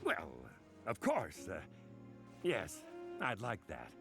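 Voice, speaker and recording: Gravelly, bashful big detective boss. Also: male voice, lowish voice, huge pitch swings, slow pace, music in the background, exaggerated voice. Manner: awkward, hesitant, gruffly gentle. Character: gruff, bashful, kindhearted big male detective boss creature. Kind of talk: game voice acting.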